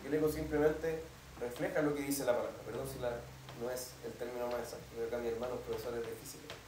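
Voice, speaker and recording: A man's voice: mid-range voice, fairly even intonation, fast talker, noisy background. A male pastor giving a teaching sermon in a church, explaining step by step and often checking with the congregation whether they follow. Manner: explanatory, keeps asking "¿cierto?" to the congregation. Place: church hall. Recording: echoey hall, mic at a distance.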